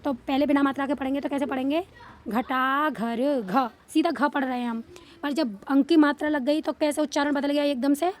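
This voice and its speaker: A woman teaching small children to read, patiently repeating questions and stretching out sounds slowly. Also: high voice, steady tone, darkish tone. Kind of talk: Hindi reading lesson for children.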